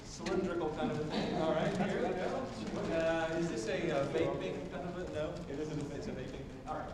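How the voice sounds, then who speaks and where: A man's voice: on the high side, fairly even intonation, a little fast. A man hosting a live improv show from the stage. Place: stage in a large hall, distant mic. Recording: echoey hall from far off, music.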